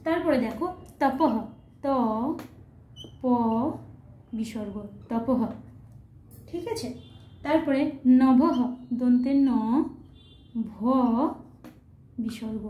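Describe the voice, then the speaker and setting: A woman's voice: high-pitched, slow pace, long pauses, mellow, echoey room. A woman teacher explaining a grammar lesson patiently, step by step, often checking that students follow. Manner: patient, step-by-step, often asks "ঠিক আছে?".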